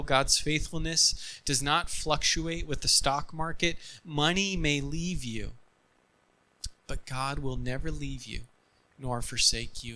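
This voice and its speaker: As pastor, a man with a fairly high voice preaches a sermon earnestly and emphatically, relying on repetition before ending in soft, quiet prayer. The recording quality is low.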